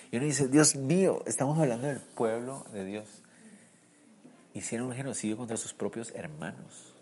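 A man preaching a sermon in a lively way, often asking the listeners questions and swinging from loud bursts to quiet, low lines. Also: a little hiss or hum. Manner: animated, swings from loud to soft; asks the listeners rhetorical questions.

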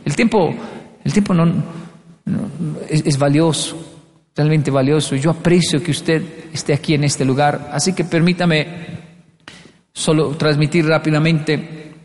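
A man with a fairly high voice speaks to an audience in a big, reverberant hall. He tells stories with lively energy and slips into playful voices for the people in his anecdotes. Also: a little slow. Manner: animated storyteller, acts out dialogue with playful voices. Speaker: speaker on leadership. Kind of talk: live motivational talk.

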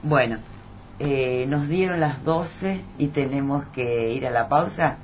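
A man's voice: mid-range voice, slow pace, noisy background. A man with a Rioplatense accent hosting a radio talk show, chatting and agreeing with his guest. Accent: Rioplatense Spanish. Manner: conversational, agreeing, brief interjections. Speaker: radio host. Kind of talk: radio interview.

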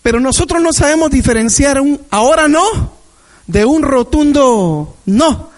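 A man's voice: very high voice, animated, measured pace, rough recording. A man preaching a Sunday sermon in a church, sharing a personal testimony with emphatic repetition.

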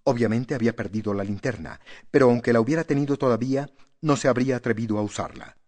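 Man with a measured narrating voice. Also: medium pitch, darkish tone. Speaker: audiobook narrator. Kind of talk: scripted horror narration.

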